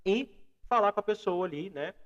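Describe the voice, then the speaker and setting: Man, Brazilian Portuguese accent, English teacher, high voice, slow phrase drills, dull lo-fi recording. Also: animated, fairly bright tone. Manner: explains patiently, models English phrases slowly for repetition. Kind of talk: recorded online language lesson.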